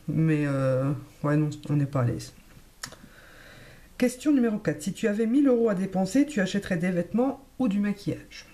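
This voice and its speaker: A woman vlogging casually to camera about beauty, chatty and hesitant, pausing often with fillers as she thinks aloud. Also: sits low, dark tone.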